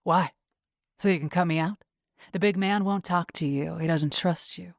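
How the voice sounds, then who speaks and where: Sneering scornful henchman guy, read by a woman, lowish dry voice. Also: moderate pace, dry recording, natural voice. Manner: sneering, dismissive.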